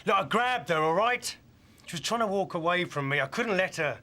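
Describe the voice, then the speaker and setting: An actor playing a defensive British man under police questioning in a TV drama, halting, emotional and pleading. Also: sits high, lively intonation, sharp tone. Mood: agitated, pleading. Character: male suspect, defensive, agitated, pleading.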